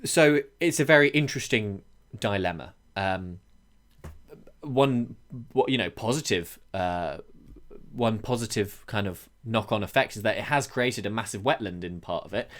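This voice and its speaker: A man's voice: on the low side, animated. Man, hesitant podcast co-host. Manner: thoughtful, often pauses with ums and restarts. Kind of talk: conversational podcast discussion.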